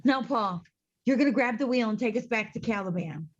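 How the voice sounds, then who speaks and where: A woman's voice: a little high, brisk, muffled recording, lightly acted. A woman playing a brash, sardonic space-witch mother in a sci-fi comedy spoof. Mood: bossy.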